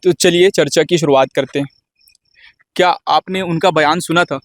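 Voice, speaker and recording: A man's voice: fairly high pitch, normal speed, dry recording. A man hosting a studio panel discussion, moderating and putting questions to his guests. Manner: moderating, brief acknowledgments. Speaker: host.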